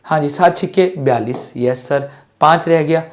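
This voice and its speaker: A middle-aged man with a Hindi accent works through exam maths in a fairly high voice. His throat is a little sore. He keeps asking questions as if he were a student, then answers them himself. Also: moderate pace. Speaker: maths teacher. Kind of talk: exam-prep maths lecture.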